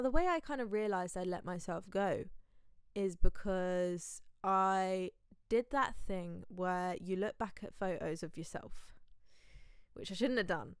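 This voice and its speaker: A woman's voice: medium pitch, smooth, no echo, clean studio sound. Candid chatty young woman podcaster. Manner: chatty and candid, with frequent rhetorical asides. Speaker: podcast host. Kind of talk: casual solo podcast monologue.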